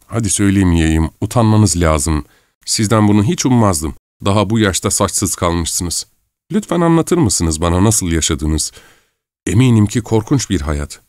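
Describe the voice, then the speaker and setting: A man's voice: low-pitched, darkish tone, dry recording, studio quality. A man voicing a frightened young woman.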